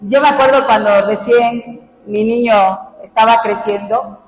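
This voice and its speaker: Woman preacher, lively, shouts her points, high voice in a reverberant hall. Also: measured pace. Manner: animated, shouting for emphasis, laughing asides. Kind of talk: sermon. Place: church hall. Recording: echoey church hall.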